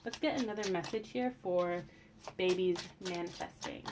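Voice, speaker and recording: A woman giving a tarot reading in a casual, gentle and reassuring way, with frequent fillers and restarts. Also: on the low side, moderate pace, background noise. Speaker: tarot reader.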